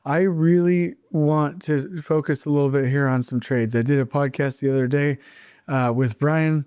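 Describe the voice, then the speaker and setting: A man hosting a solo podcast in an impassioned, ranting way, hammering words again and again for emphasis. His voice sits a little high for a man but has a mellow, warm tone. The sound is close and dry. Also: steady tone, normal speed, clear, resonant tone, no echo. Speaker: podcast host.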